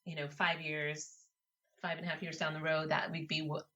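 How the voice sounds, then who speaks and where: A woman's voice: low voice, flat delivery, moderate pace, sharp tone. An American woman from Colorado telling stories casually as an interview guest over an internet call. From Colorado, United States. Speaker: interview guest, travel and food blogger. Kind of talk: casual conversational storytelling. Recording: slightly dull internet call audio.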